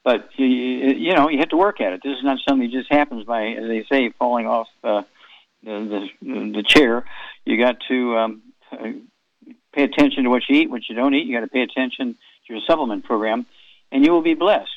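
A man's voice: medium pitch, a little fast, no room sound, phone-quality sound. Folksy rambling man in his eighties. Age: 80s. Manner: folksy, rambling, chatty asides. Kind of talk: rambling health talk.

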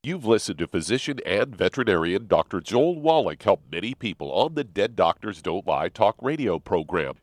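A man's voice: lowish voice, sing-song, normal speed, hardly any pauses, no room sound, studio quality. A male radio announcer giving a polished, scripted promotional read.

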